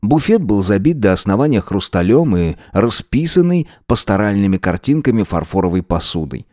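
Lively male audiobook narrator. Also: on the low side, moderate pace, dry recording, studio quality. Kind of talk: scripted narration.

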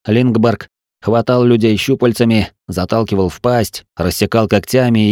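Male audiobook narrator, low, dramatic first-person delivery, dry booth sound. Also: no echo. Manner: steady, dramatic storytelling.

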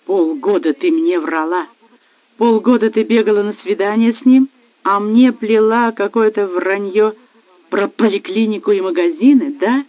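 A man's voice: high-pitched, measured pace, dry recording, pitched above the performer's own voice. A man voicing a jealous husband who accuses his wife bitterly. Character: jealous angry husband, a police officer. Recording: dry, phone-like lo-fi.

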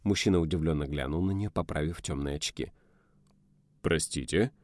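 A man's voice: very deep voice, quick pace, dry recording, studio quality. A man narrating an audiobook in a storytelling manner. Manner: even, storytelling.

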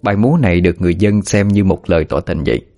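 A man narrating a story at a steady, even pace. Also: low voice, racing. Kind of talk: scripted narration. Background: faint music.

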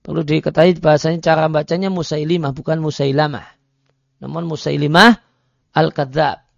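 A man delivers a religious study lecture, reading Arabic phrases and explaining them with many hesitation fillers. His voice sits a little high and has a gravelly edge. The recording is dry and dull, with a lo-fi sound. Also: steady tone, brisk, dry recording. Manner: reads Arabic text then explains it, with frequent hesitation fillers. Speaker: Islamic religious teacher.

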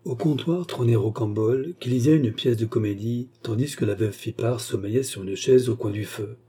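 A male narrator reads a nineteenth-century novel in measured, even storytelling. His voice is dark and a bit husky. The pitch sits in an ordinary male middle range. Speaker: audiobook narrator. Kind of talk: literary audiobook narration.

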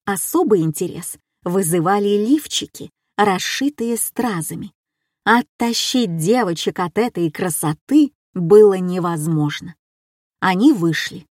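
A woman's voice: mid-range voice, a little mellow, no echo, clean studio sound. Wry woman telling a comic story. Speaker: narrator. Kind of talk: humorous storytelling.

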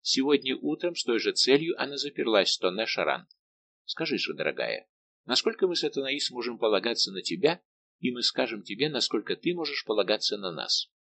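A man reading the part of a lively young maid of honour who teases and presses her friend with brisk, insistent questions. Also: mid-range voice, vocal fry, slight background noise, exaggerated voice.

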